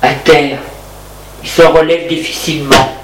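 Male narrator, slow halting delivery, fairly high voice, echoey room, music underneath. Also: steady tone, background noise. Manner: measured, halting phrasing. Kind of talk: slow dramatic storytelling.

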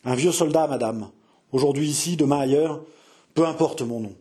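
A man voicing a gruff but shy old soldier of fortune who answers haltingly and evasively. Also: fairly high pitch, dark tone, natural voice. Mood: embarrassed.

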